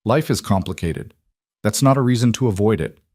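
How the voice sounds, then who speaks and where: A man's voice: fairly low pitch, animated, brisk, a little mellow, no echo, clean studio sound. A man doing a coaxing older mother. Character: warm, wise older mother, gently persistent.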